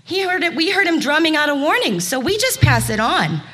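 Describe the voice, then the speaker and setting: A woman voicing a swarm of fireflies who explain themselves quickly and defensively. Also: sits high, big pitch swings, bright, forceful tone, voice pushed up, full character voice.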